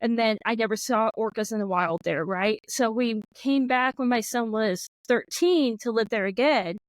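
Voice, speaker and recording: This woman from Florida, United States, hosts a casual podcast in a Floridian American accent, her talk full of "like" and "yeah." Her voice is a little high at a moderate pace, and the recording is low-quality but has no echo.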